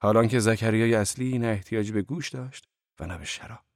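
Low-voiced guy narrating a story, calm measured reading, dry close sound. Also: no room sound. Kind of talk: first-person audiobook narration.

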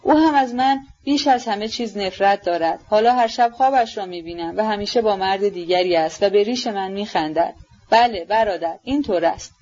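A woman reading a jealous, brooding young man in a storybook reading. His speech is blunt and intense at a middle pitch. The recording sounds dull and lo-fi. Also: a little mellow, natural voice. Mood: bitter.

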